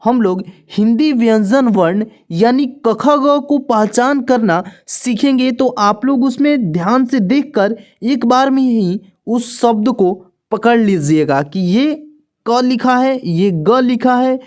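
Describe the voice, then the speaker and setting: A woman with a fairly high voice runs a beginner reading lesson at a very slow, deliberate pace. She names each letter patiently and repeats it for her viewers. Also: animated, darkish tone. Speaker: teacher.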